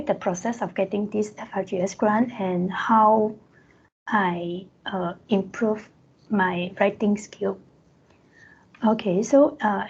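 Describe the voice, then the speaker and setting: A woman academic presenting at an online workshop, talking haltingly with frequent pauses, heard through screen-recorded video-call audio. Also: mid-range voice, gravelly, dark tone, slightly rough, highs cut off. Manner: halting, pausing often mid-sentence. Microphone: computer mic on a video call.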